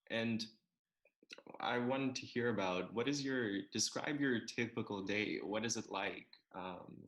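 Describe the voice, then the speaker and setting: A man hosting an interview over a video call, speaking in a measured way. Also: low-pitched, vocal fry, a bit bright. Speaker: interviewer, host.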